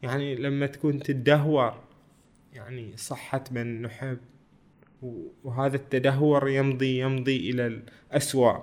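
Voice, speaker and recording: A man's voice: medium pitch, fairly even intonation, moderate pace, a little mellow. Male storyteller; reads aloud with casual explanatory asides. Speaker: storyteller reading a book.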